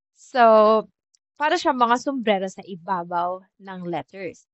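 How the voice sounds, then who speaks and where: A Filipino woman teaches beginners in an unhurried, chatty way, slowing down to repeat each example word. Her voice sits in an ordinary middle range and sounds dry and close, with a slightly dull, muffled recording. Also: medium pitch, dry recording. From Philippines. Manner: chatty, mixes Tagalog and English, repeats example words slowly. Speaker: French teacher. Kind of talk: casual language lesson.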